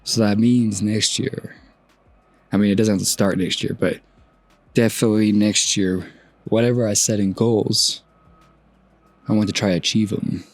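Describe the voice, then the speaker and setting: A young man in his twenties with a fairly low voice talks slowly through his thoughts on his own podcast. He muses softly, trails off and starts sentences over, recorded outdoors at sunrise. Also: steady tone, dry recording, soft background music. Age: 20s. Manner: soft-spoken, musing, trails off and restarts. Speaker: podcast host. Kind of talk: reflective solo podcast monologue.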